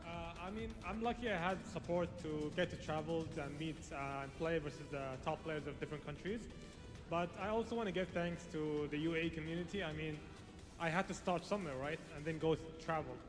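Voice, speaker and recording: Champ guy from algeria thanking everyone, bit halting, echoey arena w/ faint music. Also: a little high. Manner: grateful, halting with fillers. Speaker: tournament champion being interviewed. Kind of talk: onstage victory interview.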